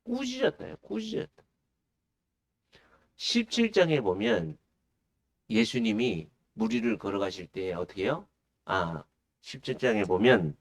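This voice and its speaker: A man's voice: a little high, gravelly. A male pastor preaching a sermon. He puts questions to the congregation and answers them himself. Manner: acts out the disciples' pleading in a raised voice.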